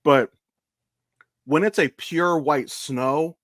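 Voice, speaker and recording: This co-host drags out his words in a voice on the high side with a fairly bright tone. An American man, probably in his thirties, he rambles through informal podcast chat, swearing and stopping to fix what he's said. The sound is clean studio audio with no room sound.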